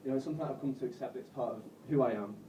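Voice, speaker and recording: A man in his twenties from Bolton with a Northern English accent, doing a live stand-up set in a self-deprecating, halting way with frequent swearing. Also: medium pitch, background noise. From Bolton, England. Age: 20s. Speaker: stand-up comedian. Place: comedy club stage. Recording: roomy, distant, muffled live recording.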